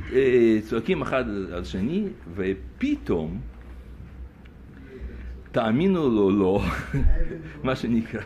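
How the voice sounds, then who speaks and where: Animated male rabbi telling a story. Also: mid-range voice, slight background noise. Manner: animated storyteller, acts out dialogue. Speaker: rabbi, teacher. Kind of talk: storytelling lesson.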